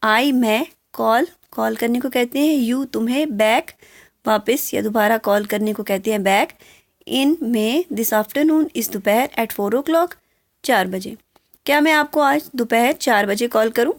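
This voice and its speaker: A woman whose first language is Urdu, teaching English phone phrases and explaining each word, reading the English lines slowly. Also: fairly high pitch, dry recording, studio quality. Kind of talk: spoken language lesson.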